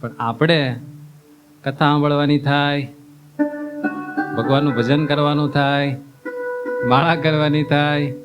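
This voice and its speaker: Monk telling a folksy sermon. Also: male voice, fairly high pitch, level tone, takes it slowly, long pauses. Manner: folksy storyteller, acts out characters, asks listeners questions. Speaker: monk giving a discourse. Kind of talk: sermon with storytelling. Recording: music playing behind the voice.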